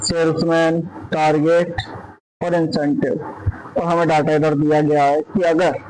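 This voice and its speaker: A man's voice: a little high, little pitch movement, measured pace, a little mellow, a little hiss or hum, low-quality recording. A man explaining a spreadsheet formula step by step, often putting questions to the viewer. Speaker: Excel tutor. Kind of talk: screen-recorded software tutorial.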